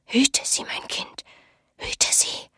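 A woman voicing an eerie old village woman who speaks in a slow, breathy whisper of omens. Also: a bit bright, no echo, studio quality. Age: over 60. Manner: slow, ominous, sniffing. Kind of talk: audiobook reading.

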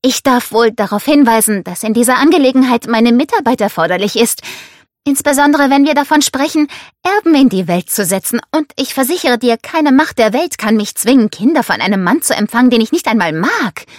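A woman reading a calm, defiant young daughter. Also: on the high side, fairly quick, no echo, clean studio sound, pitched above the performer's own voice, lightly acted. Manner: calm, firm.

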